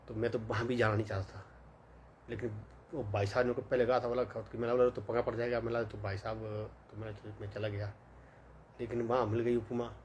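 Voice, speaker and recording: Young man, rambling story, many fillers, faint background hiss. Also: lowish voice. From Himachal Pradesh, India. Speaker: vlogger. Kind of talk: casual storytelling monologue.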